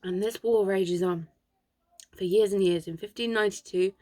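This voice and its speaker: A woman's voice: medium pitch, fairly even intonation, normal speed, darkish tone, no room sound. A woman with a sore throat, casually telling history from her notes, chatty and prone to asides. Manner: chatty, digressive, reading from notes. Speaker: history channel host.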